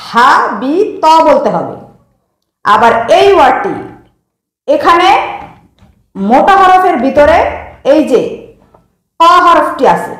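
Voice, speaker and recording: Woman teacher who drills a pupil on recitation rules, high and animated, in a roomy space. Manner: explains step by step, repeating examples slowly. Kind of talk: teaching lesson, questioning a pupil.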